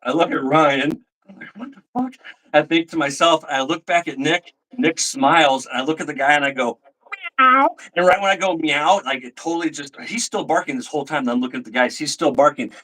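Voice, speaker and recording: A middle-aged man hosts a relaxed live chat from home. He tells long stories and acts out the lines of the people in them. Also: on the high side, a little fast, poor audio. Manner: animated, acts out quoted lines. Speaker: livestream host. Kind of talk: casual storytelling chat.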